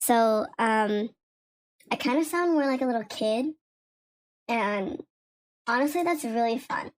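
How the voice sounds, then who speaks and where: A little-kid voice changer. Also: female voice, on the high side, expressive, no echo, voice pushed up, rough recording. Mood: amused. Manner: slow, chatty, testing the device. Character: small child, cheeky and whiny. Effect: voice changer making her sound like a little kid. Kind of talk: casual streaming chat.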